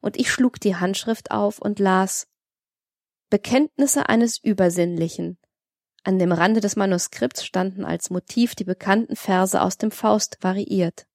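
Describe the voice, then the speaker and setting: A woman narrating a literary audiobook in a measured, even reading. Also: mid-range voice, gravelly, no room sound, studio quality.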